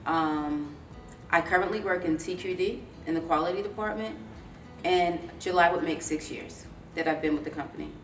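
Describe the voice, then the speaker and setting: A woman's voice: fairly low pitch, moderate pace. A woman from New Jersey working in quality control, introducing herself plainly in an employee interview. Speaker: quality department worker. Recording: roomy, distant mic, music behind.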